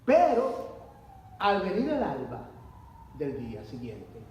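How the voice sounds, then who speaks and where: A male pastor with a fairly high voice preaches a sermon in a church hall. He sounds distant from the mic, and the room echo is very heavy. A faint hum sits underneath his voice. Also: wildly swooping pitch, slow pace, a little mellow. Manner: preaching with rhetorical questions and dramatic swings in pitch and volume.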